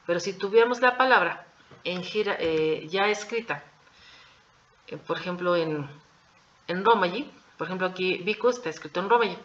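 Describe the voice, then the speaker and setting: A woman gives a patient language lesson, repeating each word and pausing to check her students follow. Her voice is bright and forward. The recording is dull and lo-fi. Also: fairly low pitch, slight background noise. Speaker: Japanese language teacher. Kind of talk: classroom explanation.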